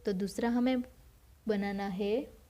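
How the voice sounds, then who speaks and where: Slow, mellow-voiced woman teacher. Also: medium pitch, fairly even intonation. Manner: slow, patient, repeats words and asks then answers her own questions. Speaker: school teacher. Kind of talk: recorded Hindi grammar lesson for children.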